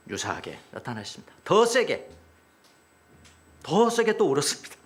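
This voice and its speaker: High, lively-voiced male pastor preaching. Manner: emphatic and repetitive, dropping to hushed asides. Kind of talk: sermon.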